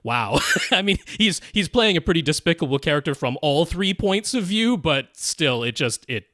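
A man's voice: fairly high pitch, sing-song, normal speed, fairly bright tone, no room sound, clean studio sound. A man co-hosting a podcast, reviewing a movie in casual, chatty talk with frequent laughs. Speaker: podcast co-host.

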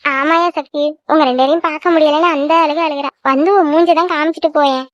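A caring village aunt, voiced by a woman, coaxes and insists in a very high, fast cartoon voice. The recording is dry and somewhat dull. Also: steady tone, no room sound, close to an everyday voice. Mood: coaxing. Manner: coaxing, insistent. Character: caring middle-aged village aunt, persuasive. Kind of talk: cartoon voice acting.

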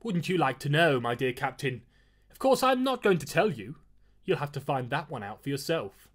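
A man voicing a mysterious, smirking young gentleman of about twenty-two, formal and mocking, with a raspy voice. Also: a little high, big pitch swings, normal speed. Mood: teasing.

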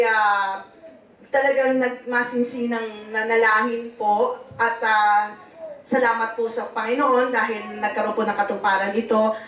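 Middle-aged woman, halting polite church testimony, handheld mic, roomy hall heard from a distance. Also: a little high, a bit bright. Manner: halting, polite, many fillers. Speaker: church member giving outreach history. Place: large bare church hall indoors. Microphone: handheld microphone. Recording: echoey hall, far camera.

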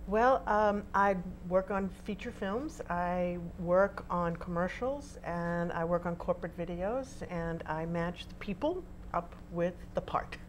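Woman, low voice, friendly interview guest; faint hum behind. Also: unhurried, few pauses. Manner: friendly, explanatory. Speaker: casting director.

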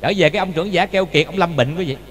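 A Buddhist monk gives a dharma talk, telling a story and often asking the listeners rhetorical questions. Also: male voice, a little high, fast, breathy edge. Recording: long reverb with faint hum.

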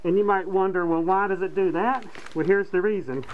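A man's voice: sits high, brisk, a little hiss or hum. A middle-aged man who hosts a prepper video, speaking muffled through a gas mask as he casually demonstrates gear in a plain-spoken way.

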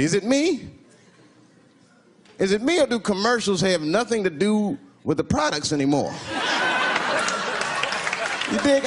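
A male stand-up comedian telling stories in an animated, incredulous manner in front of a live audience. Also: high-pitched. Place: stage before a live audience. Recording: loud laughing crowd and heavy noise.

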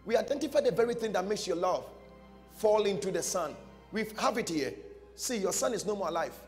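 On a large church stage before a seated audience, a pastor delivers a dramatic storytelling sermon with emphasis, repeating short phrases. His voice sits high and moves fairly quickly with lively intonation, while music plays behind him in a long hall reverb.

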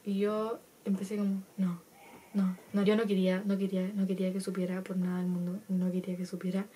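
A woman's voice: mid-range voice, completely flat delivery, brisk, dark tone, slight background noise. A fifteen-year-old girl with a Chilean accent, telling a personal story to camera in a casual, chatty way with lots of laughs. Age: teenager, 15. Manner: chatty, laughs often, acts out quotes. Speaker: vlogger.

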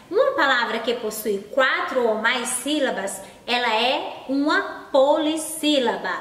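A woman from Brazil teaching a recorded lesson to schoolchildren in a slow, drawn-out, encouraging way. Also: sits high, a bit bright. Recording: echoey room, voice from a distance.

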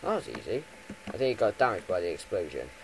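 Male gaming commentator, rambling and casual, lively swinging pitch, faint hiss on a home mic. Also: fast talker, gravelly, rough recording. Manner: rambling, chatty, with lots of ums and self-corrections; swings from loud bursts to low mumbles. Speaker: gaming YouTuber. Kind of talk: Minecraft let's play commentary.

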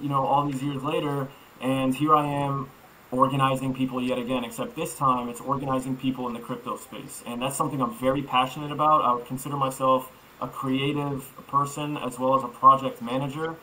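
A man's voice: mid-range voice, flat delivery, brisk, sharp tone, rough recording. A man in his thirties from Iraq, raised in Florida, answering interview questions fluently and upbeat over a video call. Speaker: guest developer. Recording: faint ambient noise.

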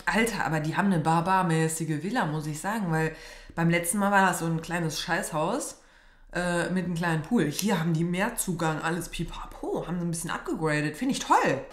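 Young female reaction host, casual gushing commentary in a roomy space. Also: fairly quick. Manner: chatty, gushing, swings high when excited. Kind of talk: casual commentary on a reality show. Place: small decorated room indoors.

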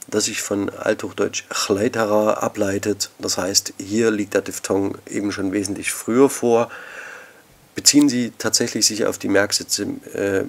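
A male lecturer with a low, gravelly voice works through slide examples in a measured academic tone. He addresses the listeners formally, as students in a course podcast. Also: a little hiss or hum. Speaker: university lecturer.

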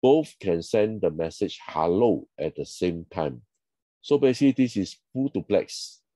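Speaking in a low, mellow voice with lively intonation and a measured pace, a male instructor walks through lecture slides in brief explanatory phrases. His English shows non-native phrasing, and the close, dry recording carries no room sound.

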